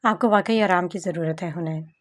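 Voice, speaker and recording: A woman voicing a patient, devoted young man who speaks gently and earnestly in a romance novel reading. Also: fairly low pitch, a little fast, lightly acted. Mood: soothing.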